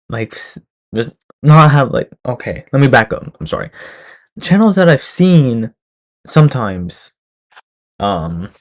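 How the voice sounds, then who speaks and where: A young man giving casual reaction commentary over a video, rambling with lots of fillers and restarts. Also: medium pitch. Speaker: reaction streamer.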